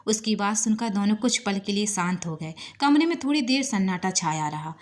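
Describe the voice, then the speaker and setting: A woman narrating a romance story with a steady, expressive reading. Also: medium pitch, normal speed.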